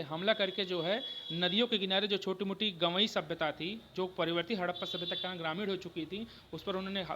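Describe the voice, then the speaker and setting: A man's voice: high-pitched, a bit bright, a little hiss or hum. A man teaching an exam-prep history lecture, explaining step by step and often checking in with his students. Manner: repeats "ठीक है" often, explains slowly with restarts.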